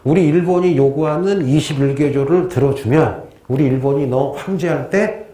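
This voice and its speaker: A smug, sly schemer who sweet-talks a rival into a deal, as a male teacher puts him on in class. The voice is mellow and warm, with a roomy echo around it. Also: on the high side, moderate pace, lightly acted. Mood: coaxing. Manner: coaxing, smug. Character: scheming nation as a sly bargaining man.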